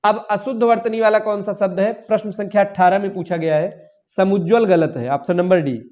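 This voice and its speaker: A man's voice: high voice, brisk, a little mellow, dull audio. A young man teaching, working through exam questions and answering his own questions aloud. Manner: addresses listeners as "saathiyon", asks and answers his own questions. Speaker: Hindi exam tutor. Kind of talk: explaining quiz answers.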